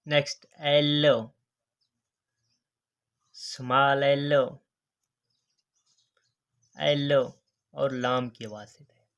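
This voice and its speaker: A man teaching the alphabet, saying each letter slowly and repeating "next" and "okay" as he goes. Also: mid-range voice, little pitch movement, fairly bright tone, clear, resonant tone, lo-fi sound. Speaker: English teacher. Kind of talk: alphabet lesson narration.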